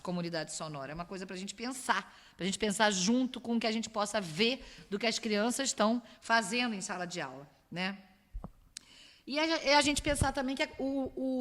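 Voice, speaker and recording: Brazilian woman lecturing in a reverberant hall. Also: mid-range voice. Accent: Brazilian Portuguese. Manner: explanatory, many rhetorical questions and tag "né". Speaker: university lecturer. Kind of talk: academic lecture.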